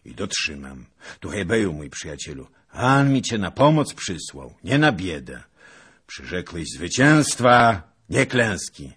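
A man voicing a wrathful, cunning Cossack commander in an audiobook reading, speaking loud and forceful. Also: sits low, sing-song, a little slow, husky, full character voice. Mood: persuasive.

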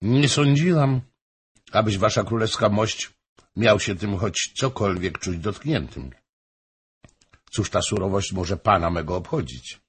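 A man voicing a proud young countess in a storybook reading, speaking quietly and with restraint. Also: lowish voice, lively intonation, a little slow, slightly rough, heavily acted. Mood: cool.

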